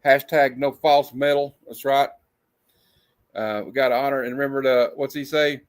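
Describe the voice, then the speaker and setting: A man's voice: medium pitch, fairly even intonation, normal speed. A man hosting a horror movie show in a casual horror-host manner, chatting loosely as on a livestream.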